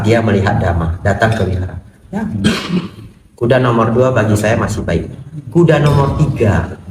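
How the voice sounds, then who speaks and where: A Buddhist monk giving a sermon to an audience, telling stories and acting out little dialogues with humor. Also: male voice, medium pitch. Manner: lively storytelling, acts out dialogues, jokes with audience. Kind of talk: Dhamma sermon. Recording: roomy echo, distant mic, faint noise.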